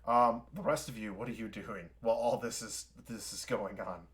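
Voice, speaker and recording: A game master runs a tabletop session on a home stream, his voice fairly low and bright in tone at a normal pace. The scene narration meanders, packed with fillers and false starts.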